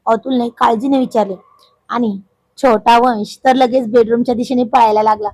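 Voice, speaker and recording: A woman's voice: on the high side, fairly even intonation, moderate pace, darkish tone, no echo, low-quality recording. A woman narrating a dramatic family story in an emotive storyteller's manner.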